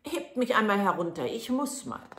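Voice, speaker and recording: A woman voicing a tiny, sly, mischievous boy in a storybook reading, in a high, loud, teasing voice. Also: big pitch swings, moderate pace. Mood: polite, insistent. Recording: echoey room.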